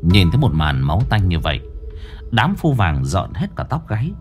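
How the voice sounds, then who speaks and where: Male horror narrator, lively pitch, lowish voice, dramatic storytelling. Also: normal speed, faint music behind.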